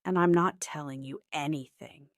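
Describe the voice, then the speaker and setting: A woman's voice: low-pitched, moderate pace, no room sound, studio quality, close to an everyday voice. A woman voicing a sullen young male suspect who answers reluctantly in a read-aloud storybook. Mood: guarded. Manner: reluctant, guarded. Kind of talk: storybook reading.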